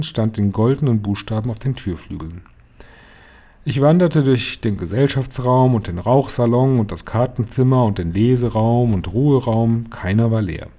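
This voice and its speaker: A man reading a children's novel aloud in a calm, even storytelling voice. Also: medium pitch. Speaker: reader. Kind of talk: audiobook narration.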